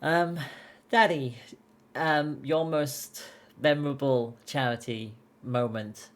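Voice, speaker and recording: A woman's voice: very deep voice, steady tone, slow. A woman hosting a casual podcast chat, talking openly and emotionally and laughing often. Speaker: podcast host and esports caster.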